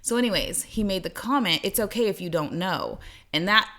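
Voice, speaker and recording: A woman's voice: medium pitch, expressive, fairly quick, bright, forceful tone. A woman in her thirties co-hosting a podcast, telling a dating story in a rambling way full of fillers. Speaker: podcast co-host. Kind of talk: casual chat.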